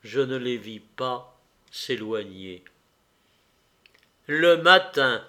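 A man narrating a literary novel aloud in an expressive, measured, emotional way. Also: medium pitch. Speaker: audiobook narrator.

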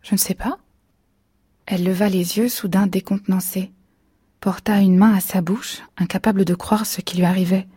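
A woman narrating a story in a soft, hushed, whispered reading. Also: mid-range voice, little pitch movement, moderate pace, slightly rough, no echo, studio quality.

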